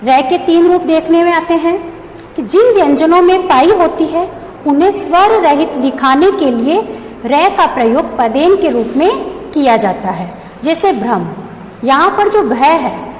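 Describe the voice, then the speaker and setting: A woman teacher with a high, lively voice talks a class through a grammar lesson, posing questions and answering them herself. She is recorded in a roomy school space with a long echo. A faint hum sits behind her. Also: unhurried. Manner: explains step by step, asks and answers her own questions. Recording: echoey room with long reverb, faint background hum.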